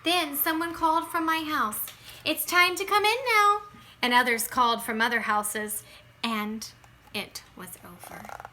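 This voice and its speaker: A woman reads a children's picture book aloud with dramatic expression, drawing out words for emphasis and shifting between hushed lines and sudden bursts. Her voice is high-pitched and her pace measured, with slight background noise.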